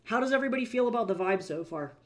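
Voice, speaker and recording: An indie fantasy author chats casually between reading passages on a live stream. Their speech rambles along, full of fillers and quick laughs, in an ordinary middle-pitched voice on a streaming mic. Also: expressive.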